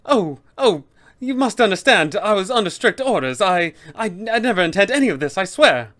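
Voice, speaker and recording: Voicing a tabletop villain, a man plays an officious, polite, fussy undead tomb custodian who uses formal announcer phrasing and sounds panicked and pleading. The voice sits high above his own, sing-song and a bit bright, at a moderate pace.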